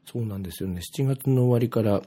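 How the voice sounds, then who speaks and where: A man's voice: medium pitch, quick pace, dark tone. A man from Ibaraki talking casually on his own, reading his posts aloud and rambling with plenty of filler words. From Ibaraki, Japan.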